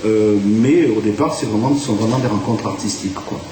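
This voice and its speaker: A French theatre director, whose first language is French, speaks in a radio interview full of fillers and restarts. His voice is lowish, brisk and dark in tone. The recording sounds distant, in an echoey room with a faint hiss.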